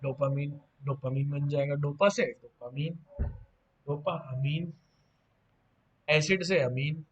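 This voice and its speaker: A man's voice: a little high, fairly even intonation, slow, pauses often, breathy edge. A man teaching a pharmacy lecture, asking the class questions and answering them himself, with playful asides. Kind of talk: online lecture. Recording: dull lo-fi audio.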